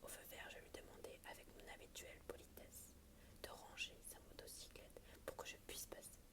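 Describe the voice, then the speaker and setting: Female ASMR reader, soft library whisper throughout, literary read-aloud with the odd halting stumble. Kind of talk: whispered ASMR book reading.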